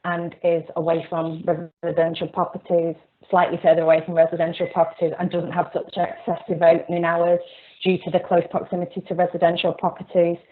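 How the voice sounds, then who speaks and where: A woman's voice: lowish voice, monotone. A woman speaking as a local resident, giving an earnest formal statement to a committee with many fillers. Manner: earnest, halting with frequent fillers. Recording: dull online call audio.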